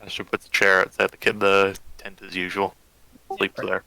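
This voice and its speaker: Gravelly low guy narrating his rpg character, edgy bright tone. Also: flat delivery, normal speed. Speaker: player. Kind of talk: tabletop roleplay banter.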